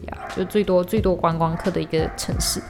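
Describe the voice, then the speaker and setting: A woman's voice: lowish voice, fairly even intonation, fairly quick, vocal fry, music in the background. A woman hosting a solo podcast, talking in a heated, blunt, profane way and slipping in English slang. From Malaysia. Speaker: podcast host. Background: faint lo-fi hip-hop beat.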